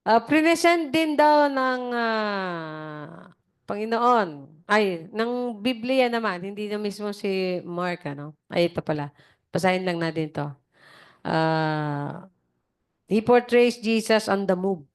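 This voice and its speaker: A woman's voice: mid-range voice, animated, takes it slowly, pauses often, clean tone. A woman giving a conversational sermon over a video call, acting out the voices she quotes and checking in with her listeners. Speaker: preacher. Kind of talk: casual sermon.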